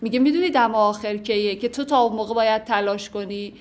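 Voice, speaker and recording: A woman teaching a class, explaining classical poetry line by line with patient, lightly humorous commentary and slow recitation of verses. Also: on the high side. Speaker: literature teacher.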